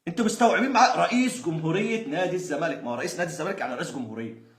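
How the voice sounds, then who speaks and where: A man's voice: a little high, rapid-fire. A young Egyptian man, a football fan, ranting in exasperation and sarcasm, sometimes laughing. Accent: Egyptian Arabic. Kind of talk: angry ranting monologue. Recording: roomy echo.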